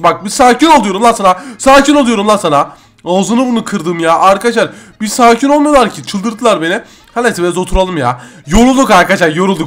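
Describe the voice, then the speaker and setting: A man hosting a game roleplay video, chatting excitably with slangy asides to viewers. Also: sits high. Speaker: gaming channel host. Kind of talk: Minecraft roleplay commentary.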